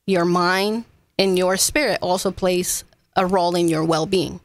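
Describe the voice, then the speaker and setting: A woman from Ecuador whose native language is Spanish speaks earnestly as an interview guest, explaining her work as a massage therapist conversationally and checking in with frequent tags. Her voice is fairly low and steady, a little slow.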